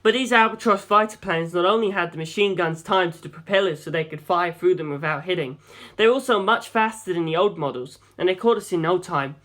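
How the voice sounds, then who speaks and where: Reading first-person adventure prose from a script, a male storyteller narrates an audiobook in a voice that sits fairly high for a man. He moves briskly, with a fairly bright tone.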